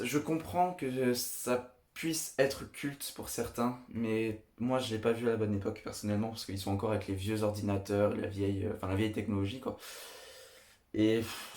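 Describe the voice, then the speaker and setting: A man's voice: lowish voice, level tone, moderate pace, darkish tone. Chatty young man in echoey room. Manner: enthusiastic, repetitive, chatty. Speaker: video host. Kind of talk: casual film review monologue.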